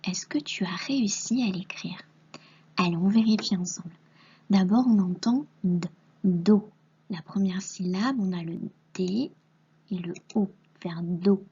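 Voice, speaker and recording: A woman teaching a young child to read, stretching out each syllable in an unhurried, patient way. Her voice is very breathy and slightly higher than most, and it often sinks into a soft half-whisper. The recording is dull and lo-fi. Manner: slow, patient, sounds out syllables and letters.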